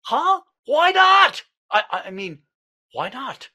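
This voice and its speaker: A flustered, exasperated male salesman, stammering and losing patience. His bright voice swings widely in pitch. He talks at a slow pace between outbursts. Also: sing-song, lo-fi sound, heavily acted. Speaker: equipment salesman. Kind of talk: comedic short film acting.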